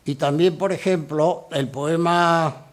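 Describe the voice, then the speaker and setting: Man lecturing on poetry, slightly high voice. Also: steady tone. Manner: measured, explanatory, recites verse examples slowly. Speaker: lecturing poet. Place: lecture hall.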